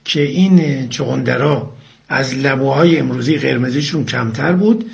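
A man from Iran calling in to explain local food lore, listing items in a slow, careful way. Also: medium pitch, creaky, lo-fi sound. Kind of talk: informative talk over a phone line.

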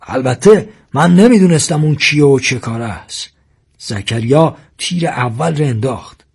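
Weary earnest man, a bit loud, husky, as a storyteller puts him on. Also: medium pitch, expressive.

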